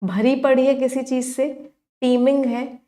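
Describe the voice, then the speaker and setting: A woman's voice: high voice, level tone, measured pace, mellow. A young woman teaching exam-prep vocabulary, mixing in terms, asking questions and answering them herself.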